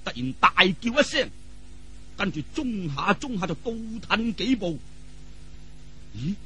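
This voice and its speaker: A high-pitched, sing-song man speaks a little slowly in a bright, forceful tone over slight background noise. His Cantonese martial arts story, accented from Hong Kong or Guangdong, follows the dramatic colloquial storytelling tradition, complete with exclamations and voiced sound effects.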